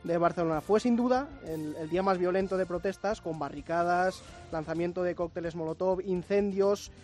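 A man, giving a clear, factual news briefing on a radio show. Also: high-pitched, normal speed, darkish tone, faint music behind. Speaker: news desk reporter. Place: radio studio.

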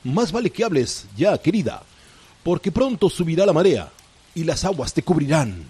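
A man's voice: on the high side, sing-song, normal speed, warm tone, slightly rough, exaggerated voice. A man playing a menacing, mock-courteous pirate captain in a radio play, with theatrical, drawling threats. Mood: menacing, mock-polite. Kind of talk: amateur radio re-enactment of a film scene.

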